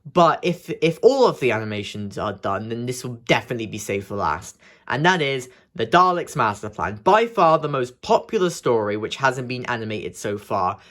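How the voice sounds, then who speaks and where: A man's voice: mid-range voice, very animated, moderate pace, fairly bright tone. Young guy rambling on in a casual vlog, voice bouncing up and down a lot, keeps restarting, hiccups. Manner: rambling, hesitant, many restarts and fillers. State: has the hiccups. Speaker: video creator.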